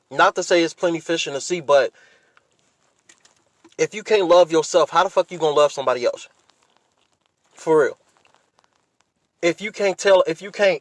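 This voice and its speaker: An American man hosts a podcast solo, talking casually to listeners and sharing his opinions in slangy language with frequent profanity. His voice is fairly high-pitched, with no echo.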